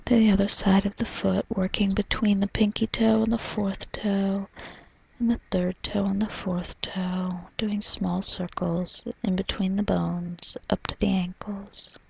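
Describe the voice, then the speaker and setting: A woman doing an ASMR role-play as a spa massage therapist, in a soft, soothing, breathy soft voice, narrating gently. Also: medium pitch, flat delivery, measured pace, rough recording. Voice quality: breathy, mostly unvoiced soft voice. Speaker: reflexologist giving a foot massage.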